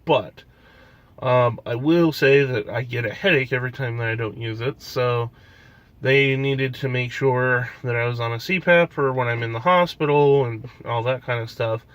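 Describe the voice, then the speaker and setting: A man's voice: medium pitch, normal speed, a bit bright, no echo. A young man with a stuffy nose, talking casually in a vlog and rambling with fillers and restarts. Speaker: vlogger.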